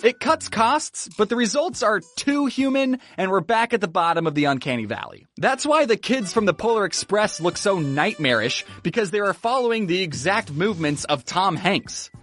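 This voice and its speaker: A man's voice: high voice, sing-song, moderate pace, hardly any pauses, a bit bright, faint music behind. A man narrating a scripted comedic video essay as host, over-enunciating his words with sarcastic, dry jokes.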